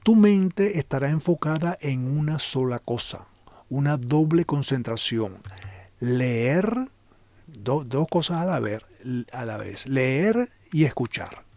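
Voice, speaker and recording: Calm man giving a spoken Bible lesson. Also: medium pitch, slow pace, dry recording. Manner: calm, talks directly to the listener, sometimes drops to a whisper. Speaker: Bible teacher.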